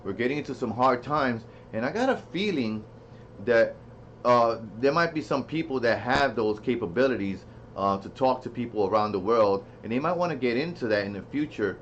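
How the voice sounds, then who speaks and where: A man reviewing a product speaks in a medium-pitched voice with animated intonation and a moderate pace. The demo is casual and unscripted, full of rambling, thinking out loud, and repetition, captured in dull lo-fi audio with faint hiss.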